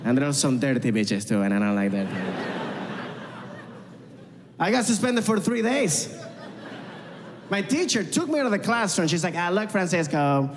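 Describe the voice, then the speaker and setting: A man's voice: fairly high pitch, very animated, moderate pace, long pauses, in a large hall, background noise. A man from Venezuela with a Venezuelan Spanish accent, doing a chatty, self-mocking stand-up set and talking with the crowd. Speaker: stand-up comedian. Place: comedy club stage.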